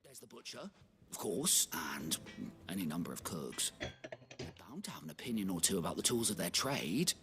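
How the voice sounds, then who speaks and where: A man's voice: low-pitched, sing-song, normal speed, fairly bright tone. An actor playing a wry, practical older craftsman in a video game. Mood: thoughtful. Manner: wry, thoughtful. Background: game music.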